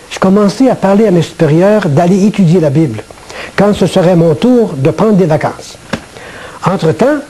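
An older man from Quebec with a Québécois French accent, a former priest giving a measured, earnest personal testimony to camera in a small studio. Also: high voice, mellow, slightly rough, rough recording. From Quebec, Canada.

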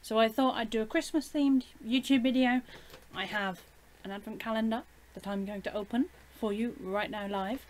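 A woman's voice: a little high, moderate pace. A young woman with a British accent, chatting casually as a YouTuber in a home vlog, filling gaps with "basically" and "um".

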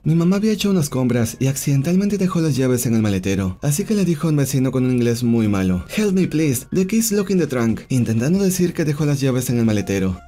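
A man narrating online stories in a scripted, animated way, slipping into the voices of the people he quotes. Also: medium pitch. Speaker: storyteller, channel host.

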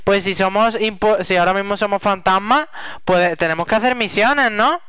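A man with an accent from Spain, hosting a playful gaming role-play in an excitable, exclamatory manner. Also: sits high, normal speed, crowd noise. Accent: Spanish from Spain. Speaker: gaming video host.

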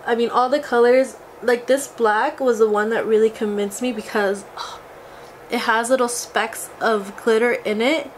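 A woman in her twenties speaks with a fairly high pitch, fairly even intonation, and an unhurried pace. A beauty vlogger, she chats casually and gushes enthusiastically over a makeup haul, exclamatory and a little scratchy-voiced from a cold, in a small indoor room in front of a glitter backdrop.

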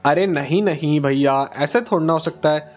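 A whiny little boy in a game video , played by a man nags and pleads to be let out. The voice sits high, with faint music behind it. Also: moderate pace, natural voice. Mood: pleading. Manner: pleading, nagging.

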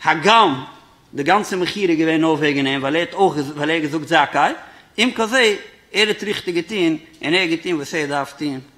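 A rabbi teaching a Torah lecture, his voice pitched a little high. It is bright and forceful. He reasons aloud, posing questions and answering them himself. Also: normal speed.

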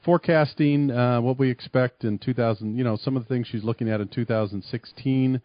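A man's voice: mid-range voice, fairly even intonation, fairly quick, dry recording, highs cut off. A man hosting a radio talk show, asking casual questions with plenty of fillers.

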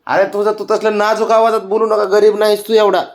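A man talking casually to his pet cat, coaxing it in sing-song baby talk and sometimes dropping to soft murmurs. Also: high voice, level tone, brisk. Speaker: pet owner.

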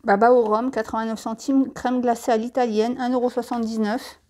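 A woman's voice: fairly high pitch, little pitch movement, a little fast, dark tone. A French woman chatting through a supermarket catalogue, listing products and prices with friendly tips and asides. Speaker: catalogue presenter.

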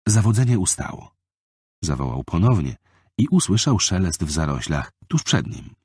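Deep, dark-voiced male audiobook narrator. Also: normal speed, husky, dry recording, studio quality. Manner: expressive, lively reading. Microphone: close studio mic.

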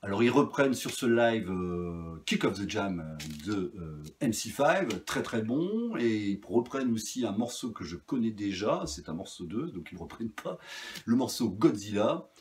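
A man's voice: on the low side, very animated, moderate pace, a little hiss or hum. A man casually reviewing his vinyl finds, chatty and rambling with many fillers and restarts. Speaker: record collector vlogger.

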